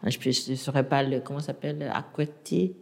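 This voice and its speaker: Native Burmese-speaking woman lecturer, low and mellow, hesitant explainer, long reverb. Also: steady tone, fast talker, vocal fry. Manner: hesitant, many restarts and fillers, explanatory. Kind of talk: interview.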